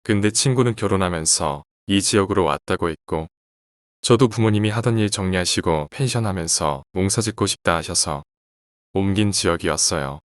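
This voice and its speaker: A man narrating a first-person horror story aloud in a quiet, measured reading. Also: deep voice, dry recording, studio quality.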